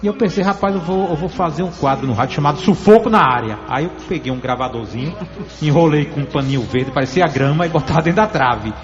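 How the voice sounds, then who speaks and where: A man's voice: on the high side, lively intonation, fast talker, in a large hall, lo-fi sound, over music. A man from Alagoas hosting a sports interview, chatty and storytelling, often laughing. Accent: Alagoas Brazilian. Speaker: radio sports host. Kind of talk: conversational interview.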